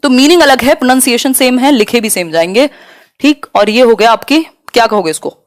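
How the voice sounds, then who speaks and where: High-voiced woman teaching a live class. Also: dry recording, clean studio sound. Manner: explains in Hindi mixed with English terms, slows to read questions aloud. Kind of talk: live online exam-prep class.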